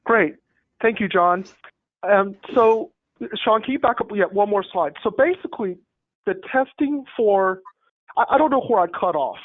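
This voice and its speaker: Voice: medium pitch, expressive, moderate pace. A medical presenter joining a town hall over a group call line, explaining testing step by step in a methodical way. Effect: heard over a group call line. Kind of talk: technical slide presentation. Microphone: remote call connection. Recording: tinny phone-like call audio, dry.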